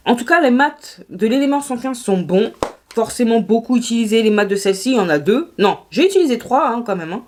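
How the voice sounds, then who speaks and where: A woman with a French accent, chatting casually through a makeup review, animated and quick to laugh. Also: on the high side. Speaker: beauty vlogger.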